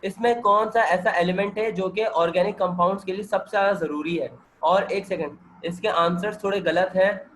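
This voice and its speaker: A hoarse man, working through chemistry multiple-choice questions with a student on a video call and checking that the student follows. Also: high-pitched, steady tone, normal speed, hardly any pauses, fairly bright tone, rough recording. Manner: explains step by step and keeps checking that the student understands. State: hoarse, with a sore throat and cold. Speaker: chemistry teacher. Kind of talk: MCQ-solving lecture over video call.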